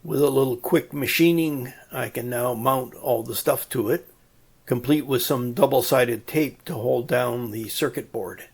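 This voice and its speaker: An electronics hobbyist presenter narrates a DIY explainer in a plain-spoken, methodical and mildly folksy manner. His medium-pitched voice is creaky and slightly rough.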